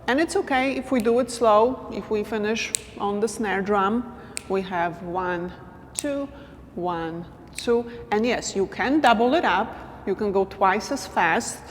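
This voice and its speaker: A woman teaching dance moves in a casual instructional talk, counting beats softly as she demonstrates. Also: mid-range voice, normal speed, big-room sound, slight background noise.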